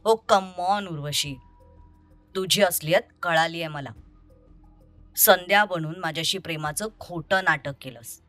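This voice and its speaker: A woman's voice: on the low side, unhurried, fairly bright tone, faint music behind, voice pushed down. Woman voicing a bitter, accusing young man. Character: angry young man confronting a deceitful ex-lover. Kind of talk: audio story reading.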